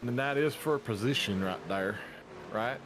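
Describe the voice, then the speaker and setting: Guy doing laid back race commentary, jokes around a lot, mid-pitched voice, gets fired up when the racing heats up. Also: background noise. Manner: chatty and jokey, with quick bursts of excitement. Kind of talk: casual play-by-play commentary.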